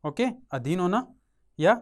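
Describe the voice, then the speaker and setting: A man with a Rajasthani Hindi accent teaches English vocabulary for exam prep, on a close mic in a classroom or studio. His voice sits high and rings clear and smooth. He repeats each word and asks and answers his own questions. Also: big pitch swings, unhurried.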